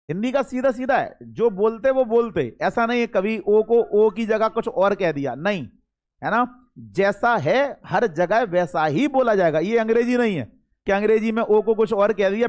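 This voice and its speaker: A young man, teaching a classroom lecture, chatty, talking straight to his students and repeating key words. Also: high-pitched. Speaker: Hindi teacher.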